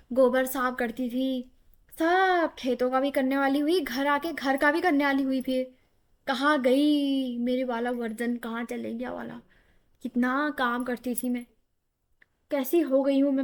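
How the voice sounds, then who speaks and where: Woman acting as a fussy elderly mother-in-law, high voice, slow grumbling drawl. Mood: complaining. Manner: rambling, complaining, drawn-out delivery. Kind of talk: comedy sketch acting.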